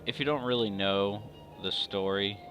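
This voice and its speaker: A man with a fairly low voice hosts a casual let's-play video at a moderate pace, with background noise. He rambles, uses lots of fillers, makes self-deprecating remarks, and hiccups along the way.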